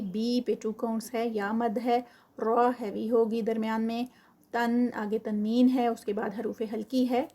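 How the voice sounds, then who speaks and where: Woman teaching Quran recitation rules. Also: fairly high pitch. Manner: slow drawn-out recitation alternating with quick explanations. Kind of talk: tajweed lesson, recites slowly then explains rules.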